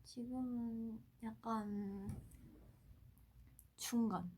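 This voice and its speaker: A woman in her twenties hosting a casual livestream, chatting playfully with fans and often dropping to a hushed tone. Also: fairly high pitch, steady tone, drawn-out words, slight background noise. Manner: playful, often drops to a soft hush. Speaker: idol livestream host. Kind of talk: casual livestream chat, answering fan comments.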